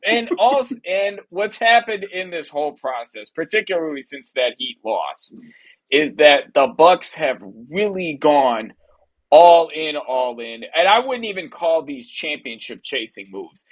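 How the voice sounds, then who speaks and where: A man in his thirties from Wisconsin co-hosting a casual sports podcast, talking energetically in quick bursts and laughing often. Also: fairly high pitch, expressive. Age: 30s. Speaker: podcast co-host.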